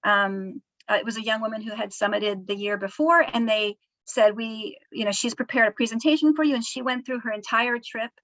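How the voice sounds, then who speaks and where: Woman author, higher voice, halting storyteller, dull dry lo-fi sound. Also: fairly even intonation, no room sound. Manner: soft-spoken, halting with frequent fillers. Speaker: author discussing her book. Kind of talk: casual storytelling interview.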